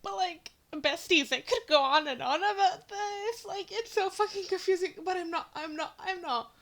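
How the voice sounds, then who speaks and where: High-voiced exasperated woman ranting. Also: moderate pace, a bit bright. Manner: exasperated, swearing, many fillers. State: voice cracking. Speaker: fan commentator. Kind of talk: ranting vlog commentary.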